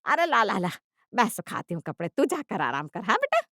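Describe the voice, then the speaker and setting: A woman voicing a greedy, scheming older mother-in-law who coaxes sweetly and then bursts out loud, recorded dry. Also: medium pitch, wildly swooping pitch, brisk, dry recording, heavily acted. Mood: coaxing. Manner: sugary coaxing, with sudden loud outbursts.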